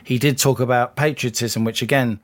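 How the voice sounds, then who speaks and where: Measured man, political co-host. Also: medium pitch, steady tone. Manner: measured and analytical. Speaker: podcast co-host, columnist. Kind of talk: political analysis chat.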